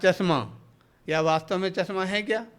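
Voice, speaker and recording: A man's voice: sits high, moderate pace, smooth. A man, a monk, giving a sermon into a microphone, explaining step by step, asking his listeners questions and acting out short everyday exchanges. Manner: explanatory, asks rhetorical questions; acts out short everyday dialogues. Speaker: Jain monk giving a discourse. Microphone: speaking into a hall microphone.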